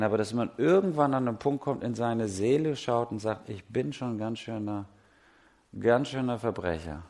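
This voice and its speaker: A middle-aged man preaching a sermon, chatty and animated, swinging from soft asides to loud, emphatic peaks. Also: on the low side. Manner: chatty, asks the audience questions and laughs.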